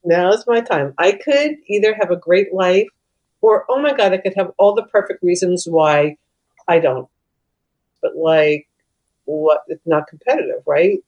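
A woman who works as a hospital chaplain, telling stories in an interview in a lively, candid way, laughing often and sometimes breaking into off-key singing. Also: lowish voice, measured pace, highs cut off.

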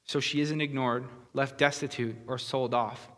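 Bright-voiced preacher in a reverberant hall. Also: male voice, medium pitch, steady tone, moderate pace. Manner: earnest, explanatory, with frequent fillers and restarts. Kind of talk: conversational sermon.

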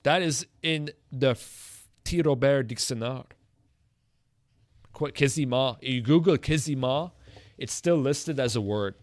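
A man with an Acadian French Canadian accent, hosting a casual bilingual interview in an informal, halting way. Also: medium pitch, no room sound. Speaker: host.

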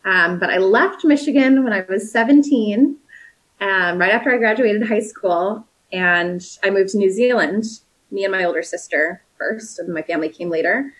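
A woman in her late twenties, originally from South Africa, talks as an interview guest. She is chatty and upbeat, with plenty of "like" and "um" in her speech. Her voice sits at a middle pitch for a woman. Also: normal speed, poor audio. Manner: chatty and upbeat, lots of "like" and "um", laughs easily. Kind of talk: casual conversational interview.

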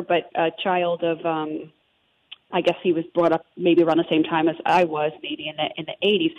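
Interview guest: thirties woman, New Jersey accent, enthusiastic and rambling, slightly low pitch, dull lo-fi sound. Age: 30s. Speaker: guest, holistic health advocate. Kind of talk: conversational interview.

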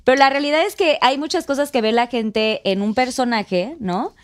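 A woman's voice: sits high, normal speed. A woman interviewing guests in a casual chat, asking long, rambling questions. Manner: chatty, asks rambling questions.

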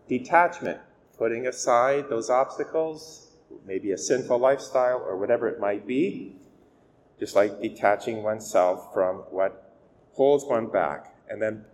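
A male priest reading the gospel and preaching a weekday homily at a steady, measured pace, his voice ringing with a long cathedral echo. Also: lowish voice. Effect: long cathedral-style echo. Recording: echoey church hall with faint hiss.

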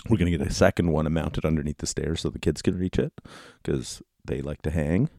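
Very deep, gravelly man podcasting. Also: a little mellow, no room sound, studio quality. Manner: informal, rambling, halting. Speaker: podcast host. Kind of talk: casual solo podcast talk. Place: basement office at home. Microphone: close podcast microphone.

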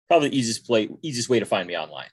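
A man from Texas co-hosting a sports podcast, talking in a smooth, measured radio-announcer way. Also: fairly low pitch, sing-song, dry recording. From Dallas, Texas, US. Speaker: podcast co-host. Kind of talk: casual podcast chat.

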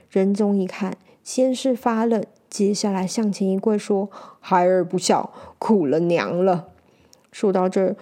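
A woman narrates a classic courtroom tale with expressive delivery. Her voice sits in a middle pitch. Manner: expressive, lively storytelling. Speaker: storyteller.

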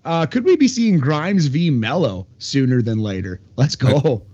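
A man's voice: mid-range voice, sing-song, unhurried, mellow, lo-fi sound. A man co-hosting a casual wrestling podcast, talking in an easygoing, rambling way. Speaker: podcast co-host. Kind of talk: casual wrestling recap chat.

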